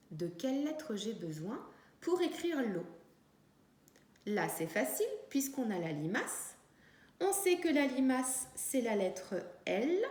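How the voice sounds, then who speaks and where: A woman teacher leads a lesson for young children, talking slowly and sounding out each syllable with care. Her fairly high voice rises and falls a lot. She is recorded in a room with a clear echo. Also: a little mellow. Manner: slow, clear teacher talk, stretching out syllables. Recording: echoey room.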